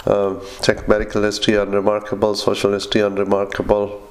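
A man dictating clinical notes in halting, clipped phrases, speaking punctuation and formatting commands aloud as a clinician. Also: on the low side, completely flat delivery.

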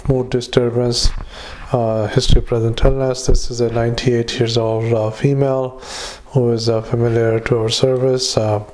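Male clinician, dictaphone dictation, monotone, halting with fillers, reads punctuation aloud. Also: mid-range voice. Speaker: psychiatric clinician.

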